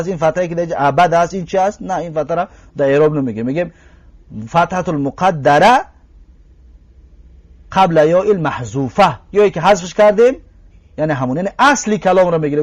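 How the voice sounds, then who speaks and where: Speaking in a high voice, this male language teacher with a Tajik Persian accent walks through grammar, stretching every example word out slowly. He keeps asking his audience rhetorical questions.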